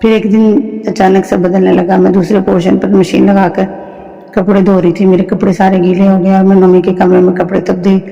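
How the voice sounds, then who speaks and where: High, flat-voiced male storyteller. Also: gravelly, long reverb tail, dull audio. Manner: steady reading with small slips. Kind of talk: scripted story narration.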